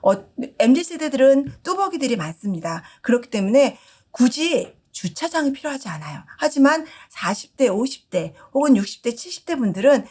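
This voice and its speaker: A woman's voice: high voice, very animated, a little fast, hardly any pauses, darkish tone. A middle-aged woman giving a lecture to market merchants, asking the audience questions and acting out shop dialogues. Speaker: customer service lecturer.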